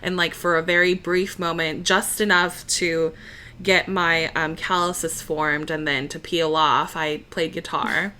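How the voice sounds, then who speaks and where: A young American woman, an opera singer appearing as an interview guest, chats slowly in a casual conversational interview. Her voice is low-pitched yet bright and clean in tone. She sounds relaxed and talkative, using lots of fillers and laughing easily.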